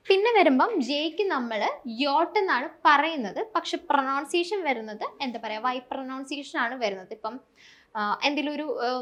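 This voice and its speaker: A woman's voice: sits high, a bit bright. A woman German tutor, explaining a beginner lesson step by step and repeating each point.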